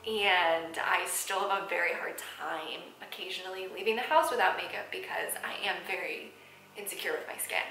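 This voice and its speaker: A woman's voice: on the low side, normal speed, bright, forceful tone, a little hiss or hum. Twenties woman vlogger, emotional and candid, lots of ums, echoey room. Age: 20s. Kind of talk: personal vlog talking to camera. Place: apartment room.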